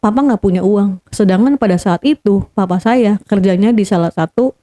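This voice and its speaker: A woman's voice: mid-range voice, normal speed, dark tone. Earnest woman recounting a painful memory. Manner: earnest, re-enacts quoted dialogue, repeats for emphasis. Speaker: guest sharing a personal story. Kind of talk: emotional first-person storytelling.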